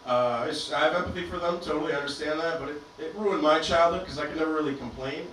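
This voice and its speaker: A man from Albania doing a stand-up comedy set in a club with a deadpan, self-deprecating delivery. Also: fairly high pitch, fast talker, heavy reverb, distant mic, a little hiss or hum, rough recording. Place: comedy club stage, performing to a live audience.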